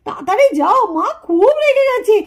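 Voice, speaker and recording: Brief: woman as soft-hearted cartoon granny, coaxing, slower and a touch lower. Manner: coaxing, calming. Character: gentle, soothing grandmother. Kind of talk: puppet-show cartoon voice.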